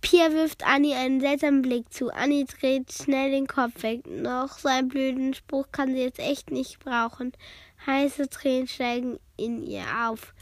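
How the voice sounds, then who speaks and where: A woman's voice: sits high, steady tone, a little slow, dry recording. A woman reading a children's book aloud in a casual way, with slips and self-corrections. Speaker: reader.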